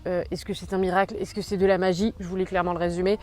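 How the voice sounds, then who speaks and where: A woman's voice: fairly low pitch, little pitch movement, racing, a little mellow. A young woman chatting casually about books she bought, full of slang and fillers. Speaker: book vlogger. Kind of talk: casual book haul chat.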